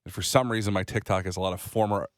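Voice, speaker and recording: Smooth low-voiced man in his thirties. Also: quick pace, no room sound, clean studio sound. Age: 30s. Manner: rambling, animated storytelling with restarts. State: slightly stuffy with a cold. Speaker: morning show co-host. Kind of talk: casual radio chat.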